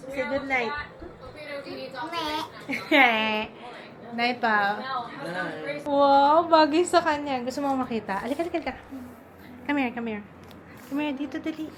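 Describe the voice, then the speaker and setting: A woman's voice: sits high, unhurried, pauses often, a crowd in the background. A middle-aged woman with a Filipino accent, hosting a casual family vlog and chatting while switching between Tagalog and English. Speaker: vlog host.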